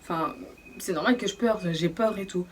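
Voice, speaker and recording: A young woman telling a personal story in a casual, slangy way, often hushed, with many fillers. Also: mid-range voice, normal speed, a little hiss or hum. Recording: voice distant from the mic.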